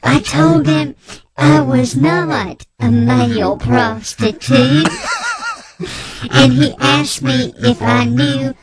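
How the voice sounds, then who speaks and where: A man playing an anonymous male informant on a radio comedy bit, his voice electronically disguised, telling absurd events in a slow deadpan. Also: extremely high pitch, a crowd in the background, exaggerated voice, poor audio.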